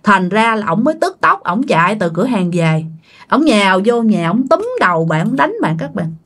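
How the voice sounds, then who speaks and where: Woman, chatty ghost story, talks right to you, mid pitch. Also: sing-song, moderate pace, fairly bright tone, slightly rough. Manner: chatty, addresses listeners directly. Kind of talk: casual spoken ghost story.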